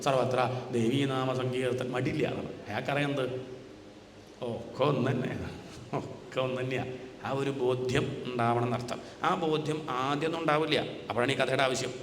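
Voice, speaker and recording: Spiritual teacher, male, mid-pitched voice, answers his own rhetorical questions; long hall reverb, faint background hiss. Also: fairly even intonation. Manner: asks rhetorical questions and answers them himself; chants scripture lines slowly. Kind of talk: religious discourse. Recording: echoey hall with faint noise.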